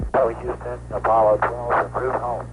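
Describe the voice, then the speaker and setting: A man's voice: mid-range voice, little pitch movement, brisk, phone-quality sound. Astronaut man on crackly, breaking-up space radio, short clipped calls. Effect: breaking-up space radio transmission. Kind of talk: live mission radio talk. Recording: noisy archival space radio.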